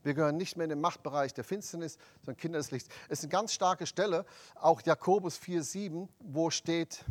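A man preaching a sermon, emphatic and rising to loud proclamations of scripture. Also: a little high, brisk.

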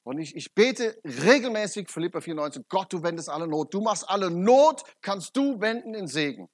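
A middle-aged man preaching a personal testimony. His voice is somewhat husky and sits a little high, and he swings from loud, urgent outbursts to quiet, low asides. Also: lively intonation, normal speed. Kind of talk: testimony sermon.

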